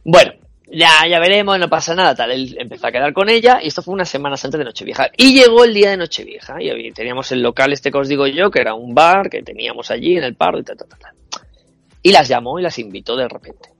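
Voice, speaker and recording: A young man telling a comic anecdote to friends, animated and swearing freely as he acts out what others said. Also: medium pitch, fast talker, creaky, no room sound. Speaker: storyteller on a New Year's Eve show.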